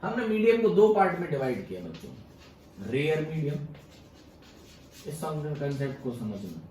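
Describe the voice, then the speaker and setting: A man's voice: on the high side, very animated, normal speed, mellow, slight background noise. A young man teaching physics to a class, mixing Hindi with English and often checking "yes or no?" with his students. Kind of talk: classroom lecture. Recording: echoey room, voice from far off.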